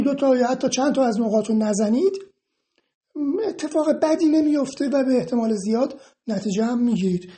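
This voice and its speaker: A woman instructor who reads out viewer questions about tapping therapy and answers them in a calm, reassuring, explanatory way. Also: on the high side. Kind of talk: informal explanatory Q&A monologue.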